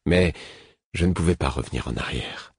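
Deep, husky male audiobook narrator. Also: moderate pace, a little mellow, no room sound, clean studio sound. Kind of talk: scripted narration.

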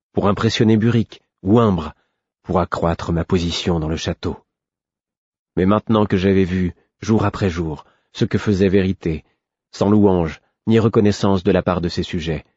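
Deep, husky male audiobook narrator. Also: a little mellow, dry recording, dull audio. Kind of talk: scripted first-person narration.

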